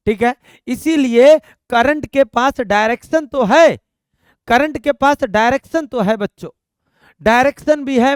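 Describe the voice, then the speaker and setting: A young male physics teacher, speaking in a high, ringing voice. He lectures in an animated way, repeating key points and asking and answering his own questions. The sound is close and dry, with no room echo. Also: clean tone. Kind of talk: classroom lecture.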